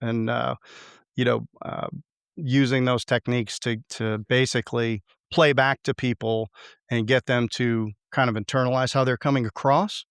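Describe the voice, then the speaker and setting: Guy interviewer chatting with a guest, mid pitch, dry close audio. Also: level tone, moderate pace, clean tone, no room sound. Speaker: interviewer and coach. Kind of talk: conversational interview.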